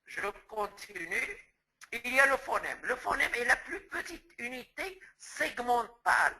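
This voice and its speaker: A man's voice: very high-pitched, very animated, unhurried, pushed and bright, breathy edge, poor audio. A man from Morocco giving a lecture as a teacher trainer, explaining step by step and restating terms with word examples.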